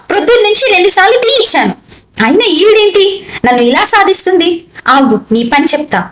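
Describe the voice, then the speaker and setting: ఒక మహిళ నటించిన తెలివైన యువ కోడలు. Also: female voice, high voice, fairly bright tone, echoey room, slight background noise. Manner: chatty, talks to the audience, sweet with a sly edge. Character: put-upon young daughter-in-law, woman, sly. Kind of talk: amateur family comedy skit.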